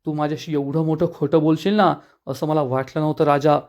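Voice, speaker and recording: A man's voice: a little high, fairly even intonation, a little fast, darkish tone, close to an everyday voice. A man reading an angry betrayed young wife. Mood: scolding. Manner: scolding, accusing.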